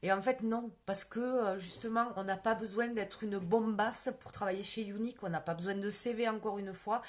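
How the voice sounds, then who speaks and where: A woman's voice: medium pitch, steady tone, moderate pace. Chatty woman with a southern French accent. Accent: southern French, countryside. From southern France. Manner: chatty, many fillers, greets commenters by name. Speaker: beauty sales consultant. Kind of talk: casual live stream talk to viewers.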